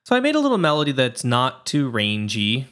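A man's voice: medium pitch, wildly swooping pitch, brisk, a bit bright. A man co-hosting a podcast in casual chat, easygoing, laughing often and explaining things plainly. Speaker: podcast co-host.

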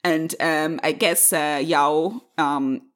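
A woman's voice: deep voice, fairly even intonation, takes it slowly, a bit bright. A woman co-hosting a podcast, chatting casually and trailing off into filler words. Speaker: podcast co-host. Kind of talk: casual chat about a TV show.

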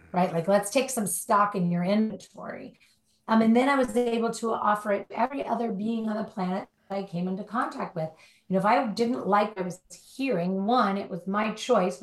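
A woman's voice: mid-range voice, reverberant. A woman speaking as a guest in an interview, explaining her ideas in long run-on thoughts and often adding a "right?" to check in. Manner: talks in long run-on thoughts with many rhetorical "right?" tags. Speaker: guest, recovery life coach. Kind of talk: conversational interview. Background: dog barking at times.

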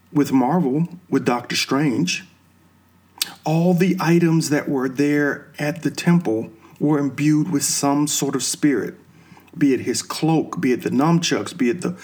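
In a slightly high, somewhat mellow voice with a breathy edge, a man works through his ideas off the cuff, asking himself questions and answering them in turn. He muses slowly, pulling his explanations from movies and religion.

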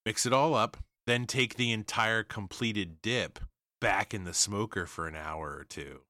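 A man's voice: lowish voice, measured pace, bright, forceful tone, no room sound, clean studio sound. A man in a casual podcast chat, describing things with blunt enthusiasm.

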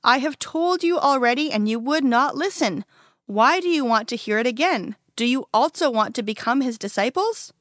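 A woman's voice: a little high, animated, normal speed, fairly bright tone, no echo, clean studio sound. A woman reading as an earnest once-blind man. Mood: frustrated. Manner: insistent, matter-of-fact. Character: formerly blind grown man, earnest and plain-spoken. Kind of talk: storybook character reading.

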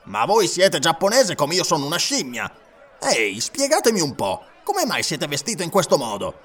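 A burly middle-aged circus director, brusque and teasing, as a man reading a storybook voices him. His lines bounce with a lively lilt. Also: on the high side, moderate pace, heavily acted. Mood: mocking. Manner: brusque, bantering.

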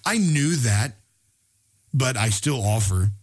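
Husky male host, earnest motivational storyteller who trips over his words and slows down for emphasis. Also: mid-range voice, lively intonation. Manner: earnest, frequent stammered restarts; slows down to stress key words. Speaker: podcast host. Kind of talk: personal story and motivational talk.

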